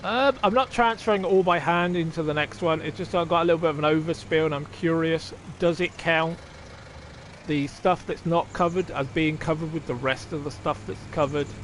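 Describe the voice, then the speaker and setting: A man live-streams a farming game, thinking out loud, chatting with viewers and swearing casually as he plays. His voice is a little high and moves at a normal speed, with a faint hiss or hum in the background.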